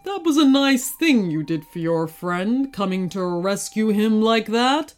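A woman voicing a huge, grumpy and lonely male dragon, speaking slowly and gruffly. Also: mid-range voice, lively intonation, faint music behind, close to an everyday voice. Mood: sad.

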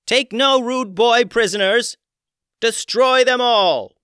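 A man voicing a fierce, commanding female dolphin queen who yells her orders in a storybook tale. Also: extremely high pitch, slow pace, clear, resonant tone, no echo, clean studio sound, pitched above the performer's own voice, heavily acted. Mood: battle cry. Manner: yelling, imperious.

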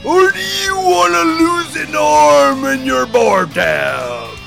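Man playing a gravelly, blustering giant troll. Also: extremely high pitch, expressive, takes it slowly, over music, voice pushed up, exaggerated voice. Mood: blustering, straining. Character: huge, brawny, loud but honorable male troll. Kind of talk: in-character tabletop role-play.

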